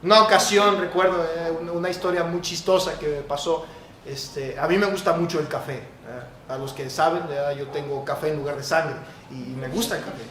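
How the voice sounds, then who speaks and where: A man with a Mexican accent preaching a sermon as pastor, swinging between loud exhortation and hushed asides, often calling listeners brother. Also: on the high side, steady tone, a little fast, echoey room.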